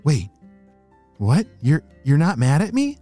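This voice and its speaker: A storyteller voicing an excitable young male cricket who gushes and raps in a high, squeaky voice. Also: slow, soft background music, full character voice. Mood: nervous. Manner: breathless, gushing, high squeaky voice. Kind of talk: storybook character voice.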